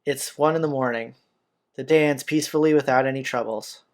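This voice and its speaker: Reading a visual novel's narration aloud at a brisk clip, a male playthrough host occasionally trips over words. His mid-range voice keeps a fairly even intonation, with game soundtrack music underneath.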